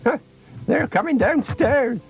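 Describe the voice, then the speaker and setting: A man's voice: very high-pitched, measured pace, vocal fry, soft background music, voice pushed up, heavily acted. A man voicing a feisty, teasing old granny with a rustic, mock-scolding manner in a children's story. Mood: teasing, brisk.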